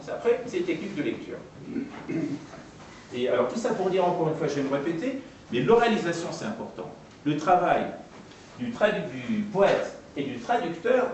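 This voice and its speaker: A man gives a lecture on poetry and translation, patiently repeating and spelling out each term. His voice comes from some distance off in a very echoey hall. A faint room hum sits behind him. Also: fairly high pitch. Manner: patient, repeats and spells out terms, pausing often. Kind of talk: explanatory talk to an audience.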